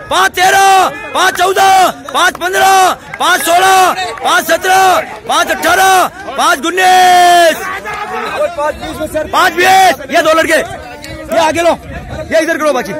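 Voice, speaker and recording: A man coaching runners, shouting their names, cheering them on and calling out split times outdoors. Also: very high-pitched, steady tone, slow pace. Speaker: running coach. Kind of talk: shouted trackside encouragement and time calls. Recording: crowd and traffic noise outdoors.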